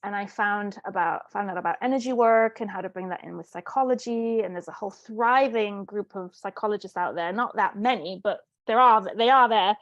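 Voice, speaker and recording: A woman's voice: mid-range voice, brisk, hardly any pauses, fairly bright tone, dry recording, muffled recording. A woman who grew up in Italy, a guest on an interview, telling her story in an earnest and reflective way. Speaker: guest, life coach. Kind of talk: interview conversation.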